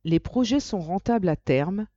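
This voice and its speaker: A person reading written articles aloud in a dictating manner, scripted and methodical, with a mellow voice. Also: medium pitch, lively intonation, moderate pace, dry recording, lo-fi sound. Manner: dictating, speaking punctuation and layout marks aloud. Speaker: reader of a magazine for audio listening.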